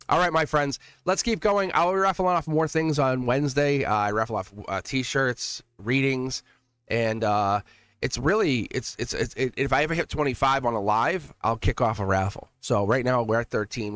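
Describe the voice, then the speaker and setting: A man with a Boston accent hosting a casual live tarot reading, chatting to viewers in an excitable, chummy, slangy way. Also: medium pitch, a little fast, dry recording. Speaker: tarot reader and livestream host.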